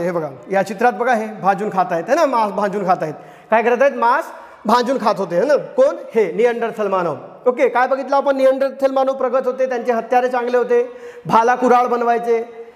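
A man's voice: very high-pitched, long reverb tail. A man teaching a history lesson. He speaks with a Marathi accent, keeps asking the class questions, answers them himself and repeats the key words. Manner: often adds a tag question. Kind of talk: classroom lecture.

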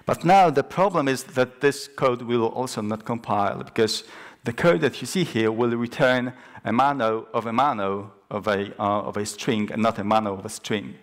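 A man's voice: medium pitch, normal speed. Young man, conference speaker, technical talk, explanatory, hesitant fillers, big stage, podium mic. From Poland. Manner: explanatory, with frequent ums and restarts. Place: large dark conference stage.

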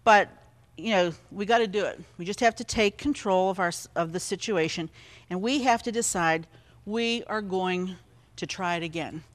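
A woman's voice: fairly low pitch, moderate pace. A woman hosting a TV cooking show. She talks straight to the viewers in a chatty, encouraging way and explains each step as she works in a studio kitchen. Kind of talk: TV cooking demonstration.

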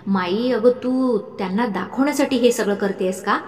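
A woman's voice: a little high, normal speed, darkish tone, lightly acted. A woman voicing a curt, irritable young man with short, clipped replies in an audiobook story. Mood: irritated. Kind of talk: audiobook narration. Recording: echoey room with faint music.

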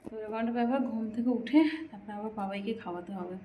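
A young woman and mother talking softly through her home vlog, keeping her voice low so her child can sleep. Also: racing, muffled recording. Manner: hushed, soft-spoken so a child can sleep. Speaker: vlogger and mother. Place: small room at home, indoors. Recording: echoey room with faint background noise.

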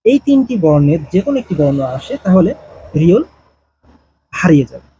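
A man teaching a language grammar lesson, explaining slowly and answering his own questions. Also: high-pitched, sing-song, mellow, lo-fi sound, a little hiss or hum.

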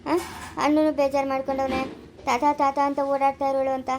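A woman plays a calm older mother-in-law, giving advice in a soothing, pleading way in a family short drama. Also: sits high, brisk, over music, natural voice.

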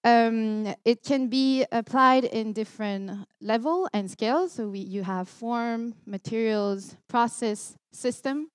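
On the high side and smooth, her voice moves slowly with few pauses. She's a young woman from Montreal, Canada, with a Quebec French accent, giving an earnest keynote conference talk with many ums and restarts, recorded via headset mic in a large lecture hall.

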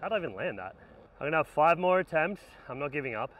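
A man's voice: a little high, sing-song, quick pace, narrow, tinny audio, background noise. A man in his thirties talking to himself between skateboard attempts outdoors, self-coaching and worn out, recorded on a camera set up at a distance. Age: 30s. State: tired and worn out. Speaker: skateboarder vlogger. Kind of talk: casual self-talk while filming. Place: outdoors at a skate spot in strong sun. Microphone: camera mic set up at a distance.

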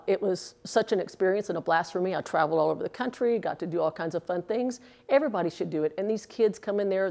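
A woman in her sixties with a lowish voice and vocal fry talks earnestly in a casual interview, using filler words. She used to bowl professionally, and a lapel mic records her indoors at a bowling alley.

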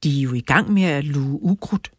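A woman voicing a calm, matter-of-fact man in a dark suit in a children's audiobook. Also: sits low, slightly rough, no echo, clean studio sound.

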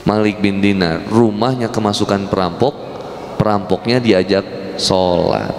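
A man's voice: lowish voice, steady tone, unhurried, a little mellow, a little hiss or hum. A male preacher giving a humorous sermon, joking with the congregation and acting out little dialogues. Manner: jokey, addresses audience as Pak, acts out quotes. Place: mosque hall. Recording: echoey mosque hall, faint ambience.

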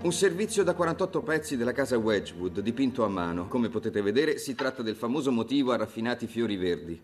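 A man's voice: medium pitch, animated, quick pace, faint music behind, lightly acted. An actor in his forties playing a polished auctioneer in a dubbed TV drama, with formal, projected patter. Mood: formal, brisk. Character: polished middle-aged male auctioneer running a sale.

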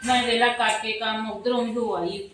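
A woman's voice: fairly high pitch, fairly even intonation, moderate pace, fairly bright tone, lightly acted. A woman playing a chatty, nosy village neighbour in a comedy skit, with a Punjabi accent and a prying, nagging way of talking. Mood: needling. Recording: echoey, noisy home video sound.

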